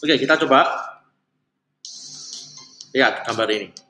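A Mandarin teacher giving a casual spoken lesson, who repeats phrases slowly for learners. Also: medium pitch, bright, forceful tone. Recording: roomy echo with faint music.

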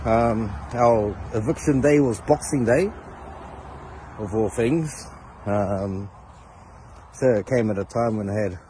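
A man's voice: on the low side, mellow, breathy edge. A man in his forties with a Māori New Zealand accent, talking casually to his phone in hesitant short phrases. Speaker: father showing his family's living setup. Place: outdoors in rural land. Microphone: phone at arm's length. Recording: noisy handheld phone recording outdoors.

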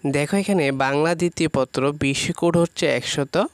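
A man teaching students, walking through an exam syllabus topic by topic in an informal way, with frequent pauses and fillers. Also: a little high, no room sound. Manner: talks directly to students, lists topics one by one with many pauses and fillers. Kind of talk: informal syllabus walkthrough lesson.

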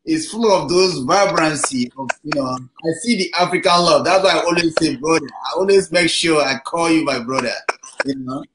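A man's voice: a little high, normal speed. A man hosting a talk show over a video call, affirming his guest with many "you know"s. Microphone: video call webcam. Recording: roomy webcam audio with background noise.

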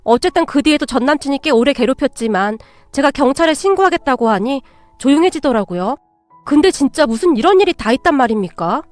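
A woman's voice: high voice, no room sound. A woman reading a first-person story aloud in a plain, scripted storytelling manner, exclaiming at the twists. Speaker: story narrator.

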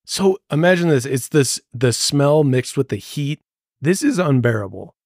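A man's voice: mid-range voice, animated, normal speed, a little mellow, dry recording, studio quality. A man co-hosting a podcast, telling a story in casual chat and laughing often. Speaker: podcast co-host.

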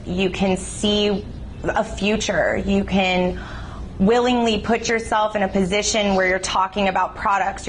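A woman's voice: mid-range voice, a little hiss or hum, low-quality recording. Upbeat young woman, persuasive testimonial. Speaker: salon suite owner. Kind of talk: testimonial interview. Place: small salon indoors.

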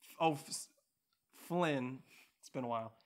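A man's voice: medium pitch, rapid-fire. A young man co-hosting a casual podcast with his partner, joking and rambling with plenty of fillers. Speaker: podcast co-host. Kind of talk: casual couple chat.

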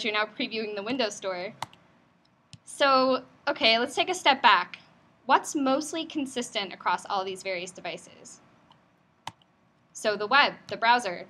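A woman with a medium-pitched, pushed, bright voice gives a conversational tech talk in a company office meetup room, with slight background noise. She's friendly, upbeat and casual, using lots of fillers and putting questions to the audience.

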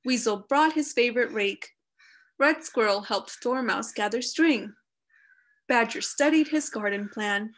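Woman, children's story reader, slow and slightly high, expressive. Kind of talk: reading a picture book aloud.

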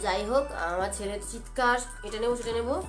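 A young adult woman vlogging casually from home, talking in a quick, rambling, chatty way as she shows what she bought. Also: on the high side, over music. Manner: rapid, chatty, rambling talk. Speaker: lifestyle vlogger. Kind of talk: casual home vlog chat. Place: indoors at home, fan running.

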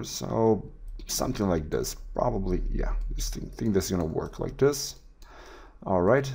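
A man teaching a 3D texturing tutorial over a screen recording, talking in a relaxed way with many fillers and restarts. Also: sits low, gravelly. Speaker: 3D art tutor.

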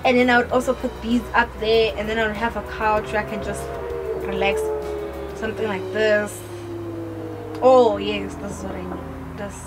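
Sitting with her dad on the living room couch, a teen daughter chats and rambles, giggling and filling pauses often. Her voice is mid-range and steady at normal speed. Music plays behind her on a low-quality recording.

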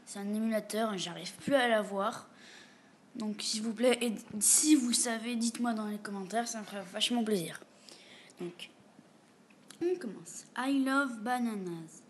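A woman casually chatting with a chatbot on camera at home, reading its replies aloud and often dropping to a quiet, half-whispered mutter. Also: mid-range voice, moderate pace, a little hiss or hum. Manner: reads the bot's replies aloud and answers them. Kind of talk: casual gaming commentary. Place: room at home with a door.

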